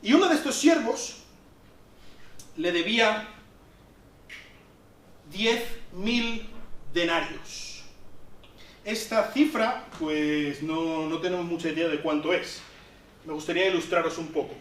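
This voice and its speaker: A man's voice: a little high, slow, long pauses, fairly bright tone, slight background noise. A man from Spain preaching a sermon in a conversational way that rises to emphatic peaks. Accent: Spanish from Spain. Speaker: pastor. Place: church hall. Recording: echoey church sound from a distance.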